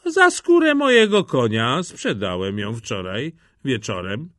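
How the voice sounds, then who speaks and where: A man's voice: mid-range voice, sing-song, unhurried, a bit bright, no room sound, clean studio sound. A man voicing a sly, cunning poor peasant, bantering with playful mock fear. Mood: sly teasing.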